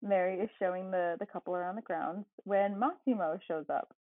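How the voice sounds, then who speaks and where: On a tinny, phone-like line, a woman co-hosting a podcast casually recaps a movie plot, tossing in dry asides. Her voice is fairly low and she speaks fairly quickly, with no echo.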